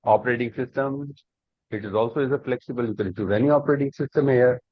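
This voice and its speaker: A man with a medium-pitched voice talks fast, with no echo, while teaching a live online cloud computing class. He explains step by step, repeating himself often and posing rhetorical questions. The audio is dull, lo-fi and dry, typical of an online class.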